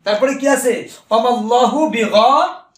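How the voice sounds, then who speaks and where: A male teacher of Arabic grammar, who asks questions and answers them himself and repeats key terms slowly. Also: very high-pitched, echoey room. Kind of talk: recorded grammar lesson.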